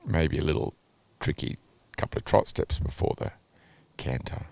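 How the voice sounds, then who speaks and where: A man giving measured, analytical commentary on a dressage test over video, hedging his judgments with "you know" and "a little bit". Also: rumbling low, animated, vocal fry, darkish tone.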